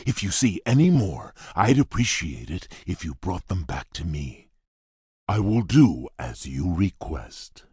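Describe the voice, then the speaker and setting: An actor playing a courteous, shy beast prince in a video game, speaking formally and earnestly in a husky, gravelly rumble. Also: male voice, darkish tone, no room sound, clean studio sound, exaggerated voice. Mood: warm, grateful. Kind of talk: video game character voice lines.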